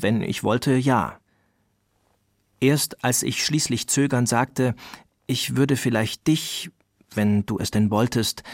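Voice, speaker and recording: A man reading a letter aloud in a deep, troubled, hesitant way. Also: dry recording, studio quality. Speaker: reader of a letter.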